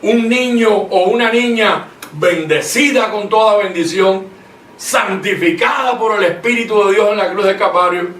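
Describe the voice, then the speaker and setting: High-pitched male preacher, emphatic, reads verses slowly; distant mic in a roomy space. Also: a bit bright. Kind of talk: preaching in conversation. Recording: echoey room, mic at a distance, faint noise.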